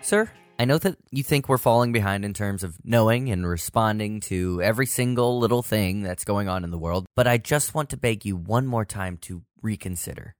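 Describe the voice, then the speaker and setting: A man's voice: lowish voice, normal speed, few pauses, no room sound, studio quality, soft background music, lightly acted. A man playing a worried, deferential Secret Service agent in a satirical sketch, pleading formally and politely. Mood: respectful pleading. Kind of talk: scripted satirical sketch acting.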